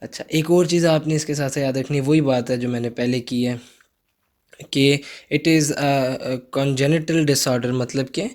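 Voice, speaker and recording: A man's voice: mid-range voice, fairly even intonation, a little slow, a little mellow. Young man giving a lecture. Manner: instructive, repeats key points, tells students to take notes. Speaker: psychology lecturer. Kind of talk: recorded online lecture.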